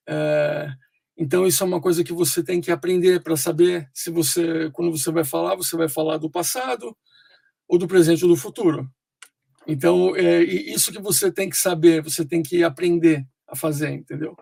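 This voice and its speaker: A man teaching English pronunciation online, explaining slowly with many fillers and pauses. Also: on the high side, creaky, a little mellow, no room sound.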